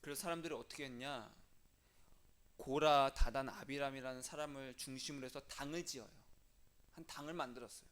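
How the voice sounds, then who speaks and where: A male Korean pastor giving a lively sermon, acting out biblical figures with shifting voices and asking the congregation questions. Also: medium pitch, brisk. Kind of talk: animated sermon with acted-out quotes.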